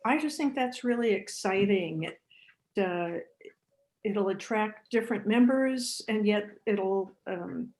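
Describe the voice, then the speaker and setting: An older woman on a video call, speaking hesitantly with halting starts. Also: mid-range voice, a little mellow. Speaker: club member. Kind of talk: casual remarks on a video call.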